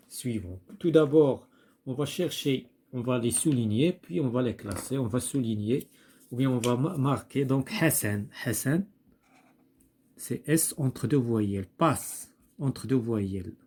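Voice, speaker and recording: Slow, husky Moroccan teacher. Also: male voice, mid-range voice, warm tone. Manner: slow, repeats each word, thinks aloud with fillers. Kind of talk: slow classroom explanation.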